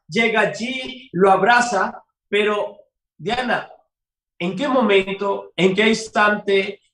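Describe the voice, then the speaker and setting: A man, a priest hosting the show, asking a guest slow, probing questions about her grief. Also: high-pitched, fairly bright tone, echoey room, distant mic. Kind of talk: gentle interview questions.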